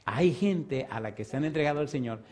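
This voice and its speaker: A man preaching an evangelistic sermon and calling people forward, swinging between loud, fervent preaching and soft pleading. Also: on the high side, animated, a little fast. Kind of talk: evangelistic sermon with altar call. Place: church stage.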